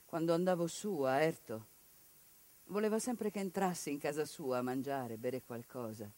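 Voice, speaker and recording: Performing a solo stage monologue, this woman speaks passionately, alternating hushed passages with powerful ones. She has a low pitch and keeps a moderate pace.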